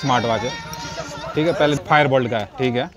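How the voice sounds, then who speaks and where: A man walks viewers through a busy street stall with a phone camera in hand, echoing every price the seller gives. His voice sits at an ordinary middle pitch and is recorded outdoors, with a crowd murmuring behind him. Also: moderate pace. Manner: echoes each price back, says "bhaiya" often. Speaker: vlogger. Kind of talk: casual market walkthrough, repeating prices for viewers. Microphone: handheld phone camera.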